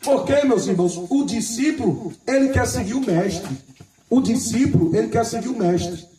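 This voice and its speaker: Male preacher, high voice, repetitive and emphatic, recorded roomy and from a distance. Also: animated, mellow, slight background noise. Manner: repeats phrases, asks the congregation "Amém?"; reads scripture slowly and with emphasis. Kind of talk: sermon.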